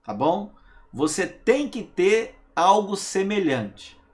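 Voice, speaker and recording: A man teaches a recorded grammar lesson, his voice sitting a little high and rising and falling with animation. He speaks slowly and with emphasis, leaning on key words and pausing to check that his students follow. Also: very animated, a little mellow. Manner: asks rhetorical questions and checks understanding with "tá?"; emphatic, stresses single words.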